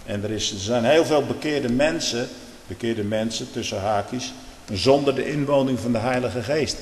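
A man preaching a sermon with great feeling, dropping to quiet earnest tones and then rising into loud outbursts, often repeating his phrases. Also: mid-range voice, moderate pace, a little hiss or hum. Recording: echoey church with long reverb.

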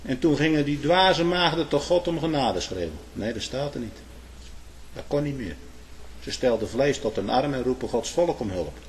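A man preaching a sermon in old biblical phrasing, swinging from hushed asides to loud proclamations with frequent "hè". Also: medium pitch, lively intonation, normal speed, slight background noise.

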